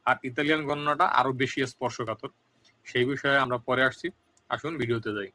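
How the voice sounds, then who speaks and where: A man teaching a recorded language lesson, speaking slowly and saying each word twice for learners. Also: medium pitch, steady tone, bright, forceful tone.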